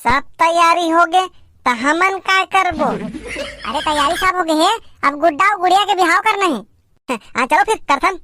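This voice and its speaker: Woman voicing squeaky, giggly cartoon village kids. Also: bright, forceful tone, no echo, exaggerated voice. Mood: playful. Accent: Chhattisgarhi. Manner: teasing, giggly, quick back-and-forth banter. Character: playful bickering village kids staging a doll wedding. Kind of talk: cartoon comedy voice acting.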